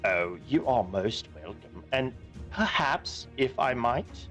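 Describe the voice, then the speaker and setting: A man playing a formal, courteous male ally in a tabletop role-play, speaking in a measured, old-fashioned and polite way. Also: medium pitch, big pitch swings, a bit bright, faint music behind. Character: formal, courteous male ally who once fought giants.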